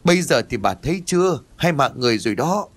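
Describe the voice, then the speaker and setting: A man's voice: mid-range voice, lively intonation, fast talker, close to an everyday voice. A man voicing a somber, grieving older father in an audio ghost story. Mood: reproachful. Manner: somber, pleading.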